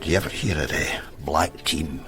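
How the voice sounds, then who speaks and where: This is radio drama acting: a man plays a shifty police informant with a Glasgow accent, speaking in a sly, wheedling, hesitant manner. His pitch is extremely low and his pace moderate.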